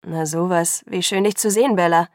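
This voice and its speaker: A woman's voice: on the low side, steady tone, brisk, darkish tone, dry recording, studio quality, close to an everyday voice. A woman reading the lines of a hearty, welcoming older father in an audiobook.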